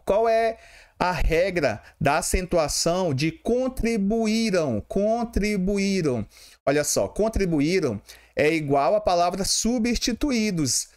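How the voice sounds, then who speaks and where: Brazilian male exam-prep teacher, voice a bit high, spells out syllables for the class. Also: a little mellow. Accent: Brazilian Portuguese. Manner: talks to students directly, asks and answers his own questions, syllable by syllable. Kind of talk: explaining exam questions.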